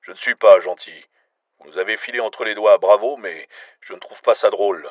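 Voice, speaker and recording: A man doing a gruff American agent. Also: low voice, a little fast, no echo, muffled recording. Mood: cold, menacing. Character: gruff male American special agent, cold and threatening.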